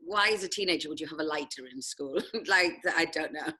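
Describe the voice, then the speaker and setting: A head of sixth form from South Wales, her Welsh voice low, bright and pushed with a breathy edge, chats a little fast as an interview guest. Looking back on her school days, she laughs often and jokes about herself.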